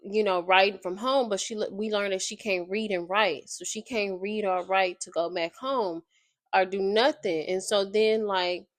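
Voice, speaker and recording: Her voice mid-range and slightly congested and nasal, a young YouTuber talks through a book summary while gaming. She speaks at normal speed in a casual, rambling way, often groping for words. The studio-quality audio has no echo.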